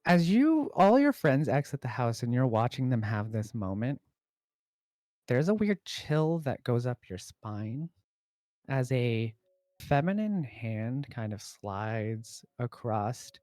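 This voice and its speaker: A man running a tabletop game as game master, narrating in a relaxed way with lots of fillers. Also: mid-range voice, takes it slowly, no echo, studio quality.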